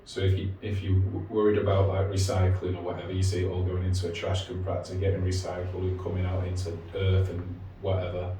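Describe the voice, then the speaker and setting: Male guide, very deep, calm and casual grounding exercise delivery; strongly reverberant room, faint noise. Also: brisk, few pauses, far from the mic.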